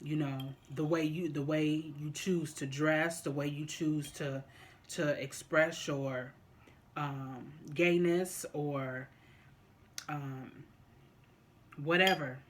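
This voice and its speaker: A mid-pitched vlogger shares opinions casually with viewers. The delivery is slow and deliberate, halting often and circling back to rephrase. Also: steady tone. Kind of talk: casual opinion talk to viewers during a mukbang.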